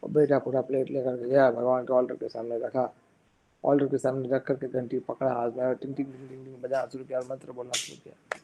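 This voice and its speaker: A man's voice: medium pitch, monotone, fast talker, breathy edge, highs cut off. A man telling a religious story in a sermon, slipping in English phrases and acting out the characters' lines. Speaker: speaker giving a religious discourse.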